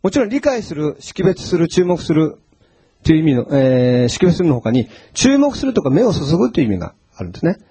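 A man preaching a sermon as a pastor, telling Bible stories in an animated way and acting out the quotes. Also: on the high side, a little fast, husky.

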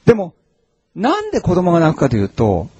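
Male pastor, mellow husky tone, lively conversational sermon, dry close sound. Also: a little high, a little fast, no echo, dull audio. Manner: conversational, animated preaching with frequent fillers.

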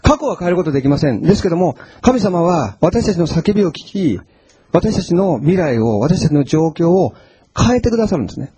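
A man preaching a sermon as a pastor, telling Bible stories in an animated way and acting out the quotes. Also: on the high side, brisk, slightly rough.

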